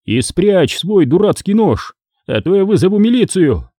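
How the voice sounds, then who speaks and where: A man's voice: very animated, normal speed, warm tone, dry recording, clean studio sound. A man voicing a haughty, middle-aged rich businessman who gives orders and protests. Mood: indignant. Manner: haughty, shrill, commanding. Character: indignant rich middle-aged businessman, pompous then frightened.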